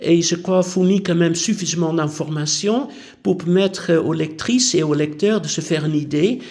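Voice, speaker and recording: Auteur néerlandais retraité, voix aiguë, débit posé et hésitant, néerlandais. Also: male voice, a little high, a little mellow. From Netherlands. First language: Dutch. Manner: measured, with frequent hesitations and restarts. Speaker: author. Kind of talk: book presentation.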